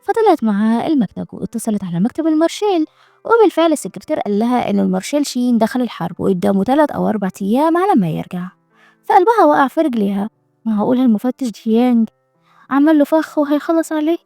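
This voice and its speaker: A woman with an Egyptian Arabic accent narrating a drama recap in a brisk, colloquial storytelling manner. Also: fairly high pitch, sing-song, gravelly, mellow, dry recording, studio quality, faint music behind.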